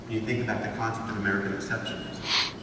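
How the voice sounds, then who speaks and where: A man in his fifties from Honduras races through a guest lecture to students, his lowish voice level in tone as he asks rhetorical questions meant to make the audience think. A far-off camera with no visible mic records him in a large, echoing wood-paneled hall, and there's noise throughout.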